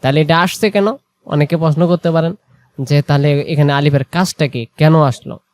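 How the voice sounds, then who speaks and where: Guy teaching quran reading, kinda high voice, stretches the words out then explains fast, answers his own questions. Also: fairly even intonation, darkish tone. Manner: drawn-out chanting of example words, then quick plain explanation. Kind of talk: explanatory lesson.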